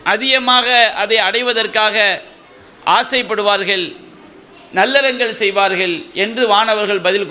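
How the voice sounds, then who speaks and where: A man delivers an Islamic sermon like a rally speech, declaiming in short emphatic phrases with pauses. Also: sits high, bright, forceful tone, a little hiss or hum. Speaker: Islamic preacher.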